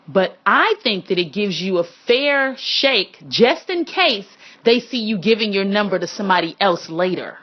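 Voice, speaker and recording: Frank woman host, dull lo-fi sound. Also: medium pitch. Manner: frank and animated, acts out quoted lines in character. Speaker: podcast host. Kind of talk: casual advice monologue. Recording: dull lo-fi recording.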